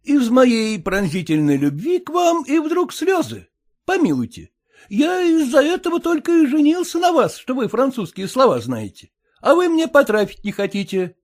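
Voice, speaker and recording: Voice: sits high, huge pitch swings, normal speed, a little mellow, exaggerated voice. A reader voicing a newly married husband who coaxes and nags his wife in folksy, old-fashioned speech. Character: newly married merchant husband, pushy and coarse.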